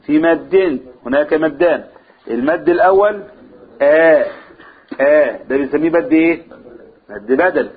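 A man's voice: a little high, normal speed, long pauses. A man with an Egyptian Arabic accent teaching a religious lesson to a group. He asks the room questions and answers them himself, and he draws out vowels to demonstrate recitation. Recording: husky, phone-like lo-fi recording.

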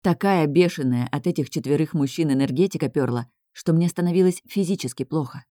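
Female audiobook narrator, expressive first-person telling, dry studio sound. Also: deep voice, a little fast, dry recording. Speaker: audiobook reader.

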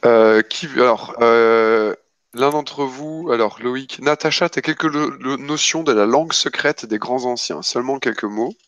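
A man improvising narration as a tabletop game master, casual and halting, often repeating words as he goes. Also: mid-range voice, fairly bright tone, no room sound, lo-fi sound.

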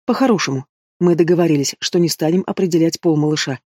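A man reading aloud and voicing a young queen who is sharp-tongued and snappish, in a dry, close recording. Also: on the high side, quick pace, no room sound, close to an everyday voice. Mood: snapping. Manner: snappish, growling.

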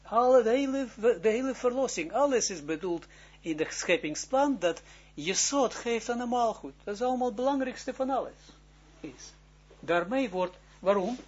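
Husky-voiced rabbi teaching, halting delivery. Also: male voice, very high voice, animated, lo-fi sound. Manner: halting, searching for words, frequent restarts; keeps asking the listeners whether it is clear. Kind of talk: lecture.

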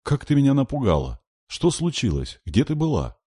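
A man's voice: on the low side, sing-song, normal speed, warm tone, husky, voice pushed up. A male reader voicing an anxious, bossy teenage girl who speaks urgently.

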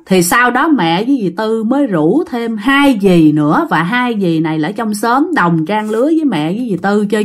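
A woman with a Southern Vietnamese accent telling a ghost story in a chatty way, talking to listeners. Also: a little high. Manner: chatty, addressing listeners directly. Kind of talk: casual ghost story narration.

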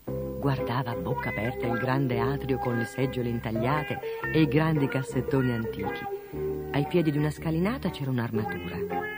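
A storyteller reading a children's fable aloud in an expressive, animated way. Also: mid-range voice. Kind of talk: scripted storybook narration.

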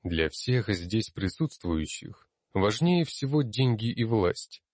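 A man voicing a calm older male fire mage who speaks in a measured, lecturing way. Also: fairly low pitch, no echo, clean studio sound, voice pushed up, heavily acted.

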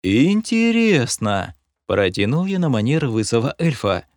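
A man's voice: fairly low pitch, sing-song, normal speed, darkish tone, no echo, clean studio sound. A man narrating an audiobook in the first person, in a wry, self-mocking way.

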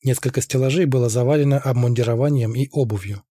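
A man narrating an audiobook in a steady, even way. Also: medium pitch, fast, breathy edge, dry recording, studio quality.

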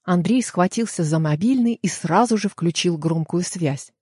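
A woman narrates a detective audiobook in a steady storytelling voice. Her tone is husky and set somewhat low. The close studio recording is very dry. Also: moderate pace, no echo. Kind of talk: scripted narration.

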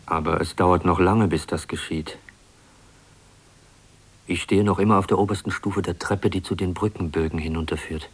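An actor delivering a measured, introspective inner monologue in a German radio play. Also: male voice, sits low, fairly even intonation, slightly rough. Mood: tense.

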